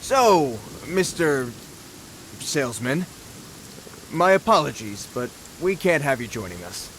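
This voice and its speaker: An actor playing a jittery, deferential bandit underling in a video game, hesitant and placating. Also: male voice, medium pitch, sing-song, slow pace, fairly bright tone, a little hiss or hum, full character voice. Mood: placating, anxious.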